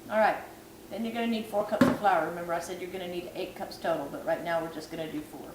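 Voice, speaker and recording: Speaking fast and steadily in a low-ish voice, a vlogger losing her voice runs a chatty home cooking tutorial full of self-deprecating humor. It's nighttime in her kitchen. She's far from the camera, and the sound is echoey with noise behind it.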